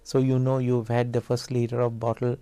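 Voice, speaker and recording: A man with a Sri Lankan accent explaining health advice as an Ayurvedic doctor, in a deliberate, instructive manner that spells out each point. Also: mid-range voice, monotone, mellow, clean tone, no echo. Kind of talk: explanatory health talk to camera.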